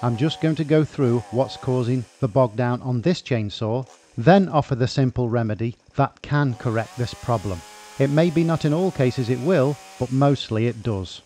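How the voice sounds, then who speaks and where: A man narrating a repair tutorial, explaining engine workings in a steady, methodical way. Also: mid-range voice, normal speed, slight background noise. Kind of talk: scripted instructional narration.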